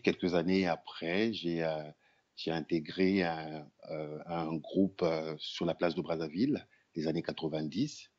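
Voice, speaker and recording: A man's voice: low-pitched, darkish tone, highs cut off. A man from the Republic of the Congo, an actor, puppeteer and storyteller, answering interview questions hesitantly with many fillers and restarts.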